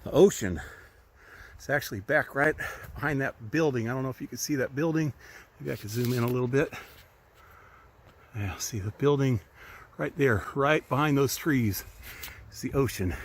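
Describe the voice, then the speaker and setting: A man's voice: medium pitch, normal speed, pauses often, slight background noise. A man giving a casual, rambling tour of his tiny workshop outdoors, filled with ums and restarts, recorded on a handheld camera. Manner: rambling, chatty, with many ums and self-corrections. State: a little out of breath. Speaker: hobby woodworker giving a shop tour. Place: outdoors at an RV park among trees.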